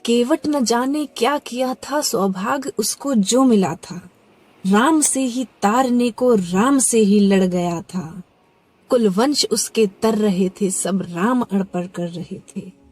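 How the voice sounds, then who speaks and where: A woman reciting devotional poetry with expressive delivery, her voice swelling and sinking to soft near-whispers on the refrains. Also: a little high, slow pace, husky. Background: faint background music.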